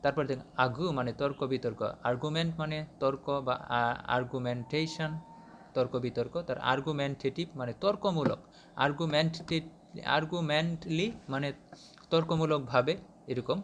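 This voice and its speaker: A man's voice: medium pitch, a little hiss or hum. A Bangladeshi-accented man teaching English, reading word forms from a list, often restarting words and asking his students if they follow. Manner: halting, with frequent restarts and checking questions. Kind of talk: reading a vocabulary list aloud in a lesson.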